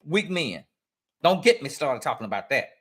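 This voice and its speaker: A man's voice: mid-range voice, sing-song, normal speed, fairly bright tone, slightly rough. A man giving earnest, emphatic relationship advice in casual talk, repeating points for stress and using informal speech. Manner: informal speech with dropped verb endings. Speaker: guest speaker.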